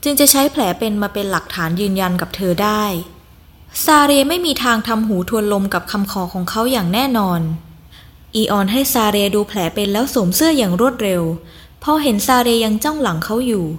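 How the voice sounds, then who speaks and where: A woman's voice: mid-range voice, expressive, fairly quick. Woman reading a story aloud. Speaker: audiobook narrator. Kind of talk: scripted narration.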